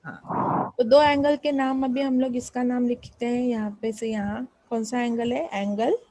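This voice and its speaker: A woman's voice: on the high side, steady tone, a little slow, mellow, dry recording, poor audio. A woman math teacher explaining a lesson, patiently repeating questions and prompting students to answer.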